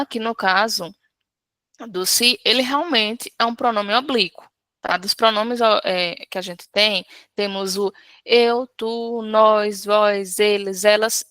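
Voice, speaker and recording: During a live Portuguese lesson, a patient woman goes through an exam question step by step, regularly checking in with her students with "certo?". Her voice is medium-pitched and a bit bright, with no room sound.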